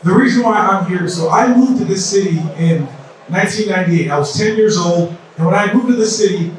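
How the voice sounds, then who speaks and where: A high-pitched, brisk man in his thirties, originally from South Sudan, emcees a campaign event with loose, repetitive talk meant to rouse the crowd. The recording, made from a distant mic in a large, echoey indoor hall, carries a faint hiss or hum.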